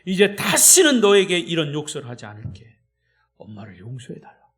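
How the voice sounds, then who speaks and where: A male pastor acting out a remorseful mother who quietly begs her son for forgiveness during a sermon story. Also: on the high side, huge pitch swings, a little fast, exaggerated voice.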